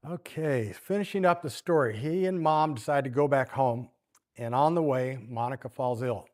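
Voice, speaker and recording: A man preaches at church with a middle-pitched voice. He tells the story in a relaxed way, asking the room questions as he goes. He reads passages aloud now and then. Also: normal speed. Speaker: church teacher. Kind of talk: sermon.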